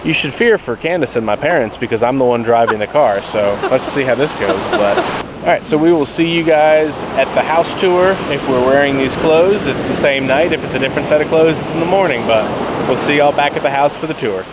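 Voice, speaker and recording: A tired man in his thirties talks casually and rambles a bit, poking fun at himself as he hosts a travel vlog. He holds a phone at arm's length on a beach. Loud waves and wind roar behind him. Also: medium pitch, fairly quick. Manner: rambling, chatty, self-deprecating. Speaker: travel vlogger host. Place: outdoors on a beach by the surf. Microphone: phone selfie at arm's length. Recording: loud wind and surf noise.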